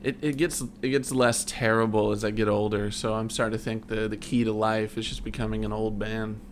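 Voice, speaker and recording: A man co-hosting a podcast in casual chat, joking in a deadpan way. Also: lowish voice, fairly quick, slight background noise. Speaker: podcast co-host.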